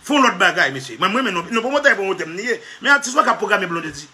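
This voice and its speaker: High, bright animated man. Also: quick pace. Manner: emphatic, repetitive, keeps addressing "monsieur". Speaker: comedy vlogger. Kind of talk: comic monologue.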